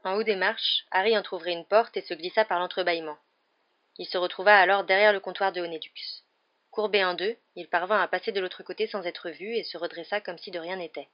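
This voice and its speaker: A woman reading an audiobook in an even, measured storytelling manner, in a dull lo-fi recording. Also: fairly low pitch. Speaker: audiobook reader. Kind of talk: audiobook narration.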